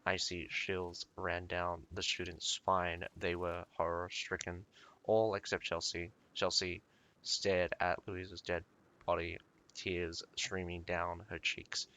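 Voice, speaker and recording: A man reading a game's lore aloud, breaking off often to comment in a halting, casual way with many fillers. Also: low voice, level tone, pushed and bright. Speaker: lore reader and streamer.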